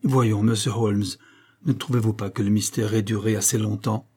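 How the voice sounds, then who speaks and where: A man reading aloud and voicing an excitable, agitated older colonel who owns a racehorse. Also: on the low side, normal speed, slightly rough. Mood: excited. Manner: excitable, exclaiming.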